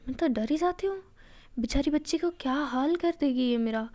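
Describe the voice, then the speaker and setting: Flustered college girl, voiced by a woman, mutters to herself; soft, slightly high voice. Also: animated, moderate pace. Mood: muttering. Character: jittery chatty college girl.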